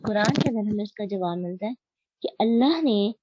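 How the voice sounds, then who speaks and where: A woman's voice: mid-range voice, lively intonation, moderate pace, dark tone, breathy edge, dry recording, highs cut off. A woman giving a religious study lecture as a Quran teacher. She recites Arabic verses and explains them step by step, asking her listeners questions.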